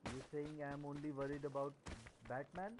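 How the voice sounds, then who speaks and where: A man's voice: fairly high pitch, steady tone, normal speed. A man streaming an online game, asking puzzled questions of his teammate over voice chat. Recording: voice chat with loud game noise.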